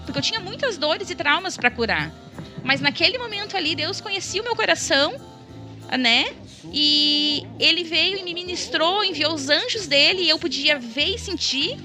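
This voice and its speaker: A woman pours out a fervent church testimony. She speaks with deep emotion and keeps checking in with a quick "né?". Clear background music plays under her voice. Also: bright, forceful tone. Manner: fervent, tearful in tone, keeps tagging "né?". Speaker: guest giving a church testimony.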